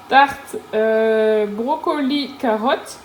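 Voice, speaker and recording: Chatty young mum in an echoey kitchen. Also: female voice, fairly high pitch, drawn-out words. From France. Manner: chatty, laughing, hesitant fillers. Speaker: vlogger mother. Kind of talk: casual family vlog. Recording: echoey room, faint noise.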